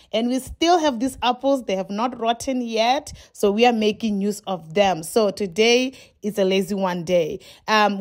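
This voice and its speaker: A woman chatting casually in a home vlog, warm and emphatic, repeating phrases for effect. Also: fairly high pitch. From Botswana. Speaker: vlogger.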